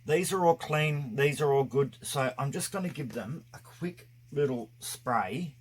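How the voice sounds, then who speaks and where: A craft video host narrates a casual hands-on tutorial step by step, his voice muffled by a face mask over his mouth. He speaks in a mid-range, husky voice at a measured pace.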